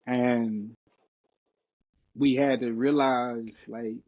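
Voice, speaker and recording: A man's voice: mid-range voice, steady tone, drawn-out words, dry recording, phone-quality sound. A man co-hosting a casual podcast chat, telling stories emphatically and heatedly, with slang. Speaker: podcast co-host.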